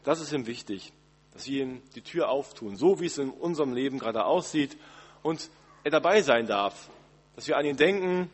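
Male pastor, mid-pitched, slightly husky, conversational Christmas sermon, long church reverb. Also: animated, moderate pace. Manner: gentle, conversational preaching with direct address.

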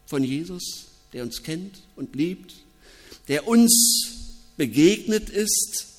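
A man preaching a reflective, personal sermon as pastor, with thoughtful pauses. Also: a little high, animated, faint music behind. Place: church. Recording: long reverb of a church.

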